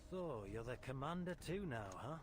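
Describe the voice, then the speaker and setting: An actor playing a cynical, wolfish veteran soldier in a video game, with a hoarse voice and wry, sceptical delivery. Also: male voice, animated, normal speed, lightly acted. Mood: wry, challenging. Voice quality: low, hoarse. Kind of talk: dramatic video game voice acting. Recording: game dialogue over music.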